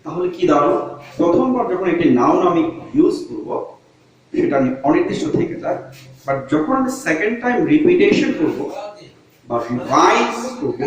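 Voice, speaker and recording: Guy teaching an online english class, kinda high voice, super echoey room, mic far off. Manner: explains step by step, asks and answers his own questions; switches between Bengali and English words.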